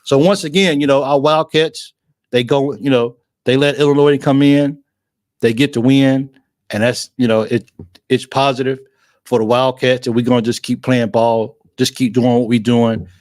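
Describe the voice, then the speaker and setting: A man's voice: medium pitch, fairly even intonation, moderate pace, darkish tone, dry recording. Emotional, effusive man with a dry sound. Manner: emotional, effusive, repeats himself, restarts phrases. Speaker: livestream sports show host. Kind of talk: excited casual fan commentary.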